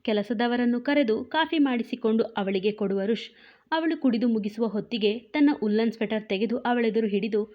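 Female storyteller, fairly high voice, steady emotive reading, lo-fi audio. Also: normal speed. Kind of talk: reading a romance story aloud.

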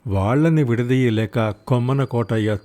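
A man's voice: unhurried, dark tone. A man reading a village story aloud as an audiobook storyteller, acting out the characters in turn. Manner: voices characters with raised pitch and volume. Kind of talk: dramatic audiobook narration.

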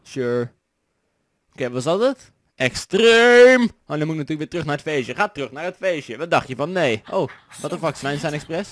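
A man's voice: on the high side, lively intonation, brisk, dry recording. A man from the Netherlands with a Dutch accent, doing jokey let's-play commentary, chatty and swearing often. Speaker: gaming commentator.

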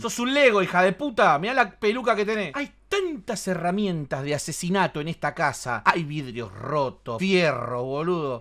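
An Argentine man calls out his horror gameplay as he goes, rough-mouthed and quick to laugh. His voice sits high and swings up and down with excitement. His tone is strikingly bright and sharp. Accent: Rioplatense Argentine Spanish. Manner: crude, excitable, laughing and swearing at the game. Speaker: gaming streamer. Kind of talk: live gameplay commentary.

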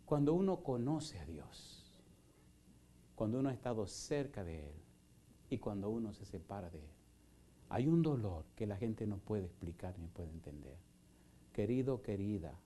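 Impassioned male pastor, mellow voice. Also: on the low side, slight background noise. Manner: impassioned, rhetorical questions, shifts from loud preaching to soft pleading. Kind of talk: evangelistic sermon with altar call. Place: church in Houston, Texas.

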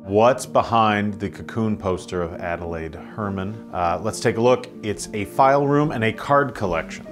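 A man narrating a guided tour through indoor museum rooms, measured and descriptive, with occasional hesitations. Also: fairly low pitch, music in the background. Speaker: tour guide of a magic collection.

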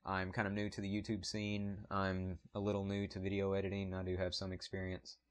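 A man with a thick Southern US drawl and a low voice talks casually to camera for his photography channel. He rambles a little, full of ums and apologies, and the sound comes through a small point-and-shoot camera mic. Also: completely flat delivery, fairly quick.

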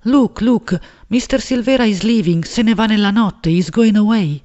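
A woman's voice: deep voice, lively intonation, moderate pace, a little mellow, muffled recording. A woman reading an audiobook, voicing a gossipy male friend who teases and pries with playful insistence. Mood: gossipy teasing. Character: gossipy, teasing Venetian man friend.

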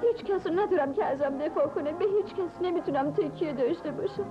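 A woman dubbing a tearful young woman who pleads in a whiny way for help and money. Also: very high voice. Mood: pleading. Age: young adult. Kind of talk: Persian film dubbing. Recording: dull dubbed film audio with music.

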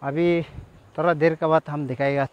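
A man with a slightly high voice, little pitch movement and normal speed vlogs outdoors beside a jungle river in the rain. Chatting casually to camera, he repeats himself and exclaims often.

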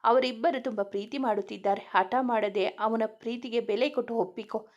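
A woman voicing a kindly elderly grandfather who coaxes gently. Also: a little high, steady tone, moderate pace, dull audio, lightly acted. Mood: gentle. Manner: gentle, coaxing.

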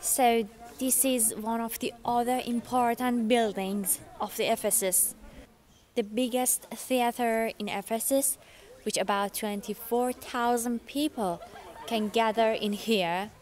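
Slow-talking woman touring ruins outdoors. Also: on the high side, fairly even intonation, a little mellow, faint music behind. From Iran. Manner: chatty, curious, nonnative phrasing. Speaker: travel vlogger. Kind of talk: walking travel vlog tour. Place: outdoors among ancient ruins. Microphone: camera held at arm's length.

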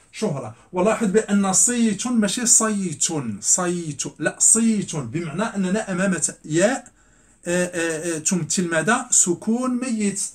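A middle-aged man teaching a classroom grammar lesson, repeating words slowly and asking and answering his own questions. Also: high voice. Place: classroom with a blackboard.

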